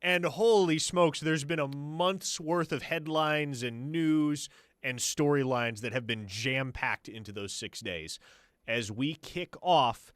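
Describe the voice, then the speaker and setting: A man's voice: fairly high pitch, clean tone, dry recording, studio quality. A man co-hosting a sports talk show, emphatic and wordy as he breaks down team news.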